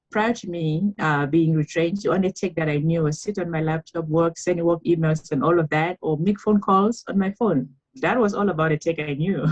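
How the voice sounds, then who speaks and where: A woman from Cameroon speaks in a notably low voice as a podcast guest, telling her story in a reflective, chatty way. She laughs often and fills pauses with ums and "you know". The recording sounds a little dull and lo-fi. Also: a little mellow. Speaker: guest author. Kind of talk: podcast interview.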